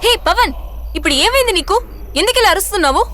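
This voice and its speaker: A woman's voice: very high-pitched, animated, rapid-fire, fairly bright tone. A proud, threatening woman. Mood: angry. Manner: haughty, threatening, mixes English in. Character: proud, ruthless woman of status. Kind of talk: film drama acting. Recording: film scene with music score.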